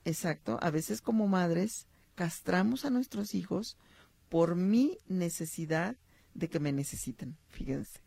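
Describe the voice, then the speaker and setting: A middle-aged woman with a Mexican accent talks about motherhood, her voice thick with gravelly fry. Her tone is dark and mellow, recorded dry and close. She tells little stories and briefly acts out the people in them. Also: on the low side, animated, unhurried, no room sound. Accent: Mexican Spanish. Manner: warm storytelling, acts out short quotes, addresses listeners. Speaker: psychologist and talk host. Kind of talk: reflective talk on motherhood and stories.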